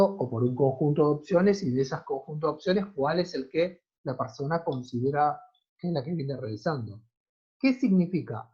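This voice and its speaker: A man's voice: on the high side, husky, muffled recording. A man with an Argentine accent teaching a class online, often checking in with his students and asking questions that he answers himself. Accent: Argentine Spanish. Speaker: university teacher.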